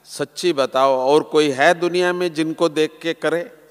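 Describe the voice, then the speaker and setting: A man giving a sermon to a large gathering as a spiritual teacher, slow and earnest, letting his voice fall softly at the ends of phrases. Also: a little high, fairly even intonation, clean tone. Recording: long hall reverb.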